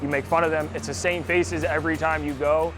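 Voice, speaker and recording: A man speaking fast and with a wry, self-deprecating edge, a restaurant co-founder in a middle register. Quiet music sits behind him. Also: a little high, little pitch movement. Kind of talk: casual interview.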